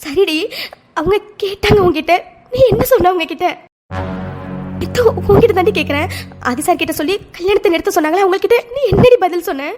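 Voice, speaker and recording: A woman voicing a worried young friend, very high. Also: animated, fairly quick, over music. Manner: pressing, worried questioning. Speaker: cartoon character. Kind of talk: Tamil cartoon voice acting.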